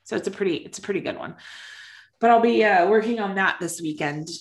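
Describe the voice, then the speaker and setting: A woman's voice: mid-range voice, quick pace. Woman podcaster in an echoey empty room. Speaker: podcast co-host. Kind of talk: casual podcast chat. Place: large empty office room, indoors.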